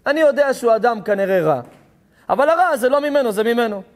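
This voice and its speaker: A rabbi delivering a sermon, telling stories with passion, acting out dialogue and rising to shouts at times. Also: male voice, very high-pitched, lively intonation.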